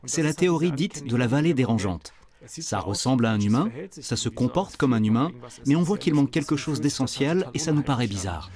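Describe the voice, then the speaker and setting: A man's voice: medium pitch, animated, brisk. A man giving an interview, patiently explaining his points with everyday examples.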